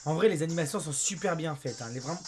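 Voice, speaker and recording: A young French man with a hoarse voice, chatting excitedly as he plays a game and talks to his viewers. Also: fairly high pitch, quick pace, soft background music. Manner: chatty and excitable, often says "mes amis" and "abusé". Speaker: let's play host. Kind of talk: casual gameplay commentary.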